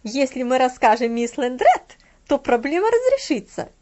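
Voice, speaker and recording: A woman voicing a shrill scolding housekeeper. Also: sing-song, a little fast, lo-fi sound. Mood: sarcastic. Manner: shouting, scolding. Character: shrill angry middle-aged housekeeper woman.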